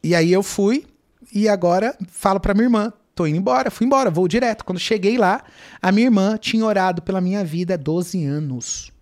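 A man's voice: sits high, a little fast. Dramatic man giving testimony. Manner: dramatic, reenacts his own shouting and prayers. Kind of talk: emotional faith testimony.

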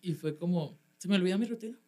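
A woman stand-up comedian with a Mexican accent, telling stories in a casual chat, animated and laughing often, with lots of slang. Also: fairly low pitch, fast talker.

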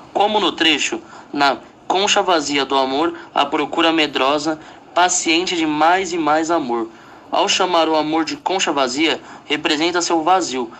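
A man giving a school presentation, reading a poem and his analysis of it in a steady, measured way. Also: a little high, a little hiss or hum. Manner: reads aloud from a prepared text, steady and measured.

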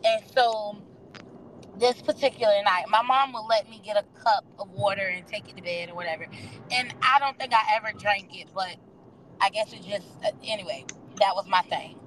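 A woman's voice: medium pitch, normal speed, fairly bright tone, slight background noise, rough recording. A young adult woman, a guest on a chat show, telling a story with dramatic flair and calling her listeners y'all.

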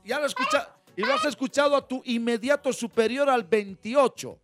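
A man's voice: very high voice, moderate pace, fairly bright tone, soft background music. A man hosting a radio comedy segment, bantering in a bossy, playful way. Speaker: radio show host.

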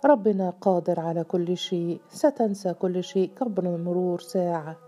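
A woman reading the part of an elderly, pious mother who answers plainly and calmly in a storybook tale. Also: lowish voice, moderate pace, soft background music, close to an everyday voice. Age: older. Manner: plain, matter-of-fact. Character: old widowed mother, calm and pious.

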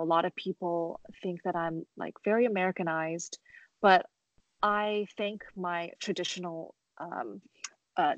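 A woman's voice: lowish voice, no room sound, highs cut off. Young woman guest from China, easygoing filler-laden chat, dry close sound. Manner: casual, many fillers and hedges. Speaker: guest musician. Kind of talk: podcast interview.

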